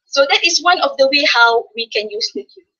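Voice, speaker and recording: A woman from Malaysia giving slow, clear instructions as she leads a workshop activity. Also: high-pitched, animated, sharp tone. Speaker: teacher presenting a workshop. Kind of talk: classroom demonstration. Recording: dull lo-fi classroom recording.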